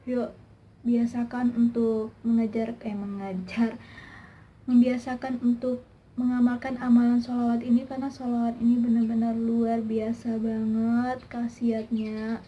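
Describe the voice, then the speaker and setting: A young woman tells a personal story to her viewers in a chatty, emotional way, filling pauses with small hesitations. Her voice sits a little higher than most. The recording is slightly dull and lo-fi, with a faint hiss behind her. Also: flat delivery. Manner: chatty and emotional, many fillers. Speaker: vlogger. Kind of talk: personal testimony vlog.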